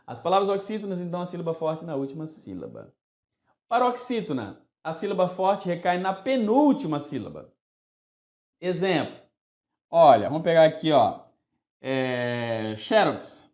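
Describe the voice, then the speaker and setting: Lively, high-voiced male grammar teacher. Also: moderate pace, reverberant. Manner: animated and playful, calls out words in a singsong to mark the stress. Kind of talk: classroom grammar lesson.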